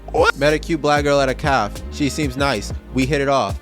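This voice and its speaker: A man doing a sarcastic, profane comedic commentary voice-over as the host of his channel. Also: medium pitch.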